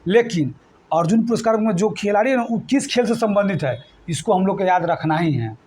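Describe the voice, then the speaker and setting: High-voiced teacher drilling a class. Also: male voice, lively intonation, a little fast, darkish tone, husky. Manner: drills students with call-and-response questions; repetitive mnemonic chanting. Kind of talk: classroom exam-prep lesson.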